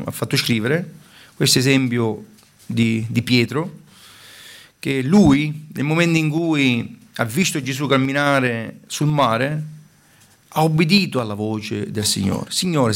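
Gravelly man preaching a sermon. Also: mid-range voice, a bit bright. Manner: fervent, with restarts and hesitations.

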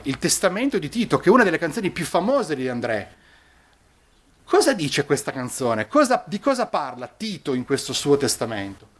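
A man preaching a sermon, emphatic and animated, raising his voice for quotations and dropping low for asides. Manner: animated, emphatic preaching with dramatic pitch swings.

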